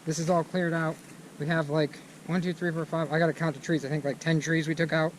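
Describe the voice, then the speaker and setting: A man casually narrating a vlog outdoors, excited and chatty as he walks around his cleared lot. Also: brisk, rough recording. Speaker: vlogger. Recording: outdoor noise and vehicle rumble. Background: bulldozer engine.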